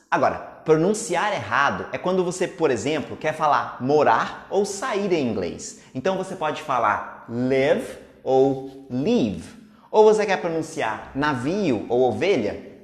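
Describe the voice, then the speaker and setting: Brazilian teacher chatting through a video lesson, upbeat, mid voice, kinda roomy echo. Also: medium pitch. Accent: Brazilian Portuguese. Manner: upbeat, chatty explaining to viewers. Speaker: English pronunciation teacher.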